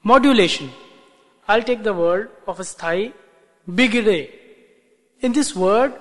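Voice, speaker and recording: A man teaching a music lesson, explaining in slow, deliberate short phrases. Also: extremely high pitch. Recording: long reverb with faint music.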